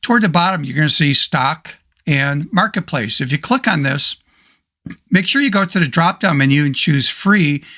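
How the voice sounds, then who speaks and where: A man with a hoarse voice, casually talking through a photo editing tutorial step by step. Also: fairly high pitch, sharp tone. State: hoarse, losing his voice. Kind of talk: screen-recorded software tutorial.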